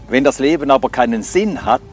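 Telling his life story, the older Scandinavian man, a native Swedish speaker, sounds animated and fairly quick in his mid-range voice, though still reflective and full of hesitant fillers. Soft music plays in the background of his testimony.

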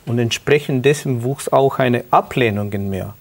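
Mann mit ukrainischem Akzent, ernst erzählend. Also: male voice, mid-range voice. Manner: earnest, halting non-native German with restarts. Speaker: guest. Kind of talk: personal testimony interview.

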